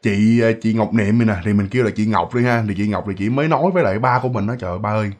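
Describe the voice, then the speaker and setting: A man's voice: fairly low pitch, very fast, a little mellow. A man with a Southern Vietnamese accent telling ghost stories in a chatty, repetitive way, talking straight to his listeners. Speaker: ghost story narrator. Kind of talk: casual storytelling.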